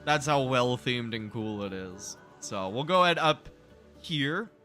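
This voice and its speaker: A man doing casual, excitable gameplay commentary, joking and swearing freely as he tours his theme park. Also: medium pitch, a little slow, faint music behind. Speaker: streamer showing a theme park build.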